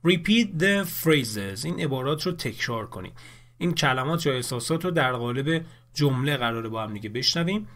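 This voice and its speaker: A man teaching English in a recorded lesson, explaining clearly in Persian and saying the English words slowly. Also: mid-range voice, animated, fairly bright tone.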